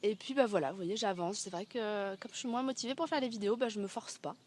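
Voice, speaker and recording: A woman talking to camera outdoors at daybreak in a casual video diary, reflective and halting with many fillers, nursing a sore throat. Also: medium pitch, darkish tone, a little hiss or hum. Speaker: vlogger walking a pilgrimage route.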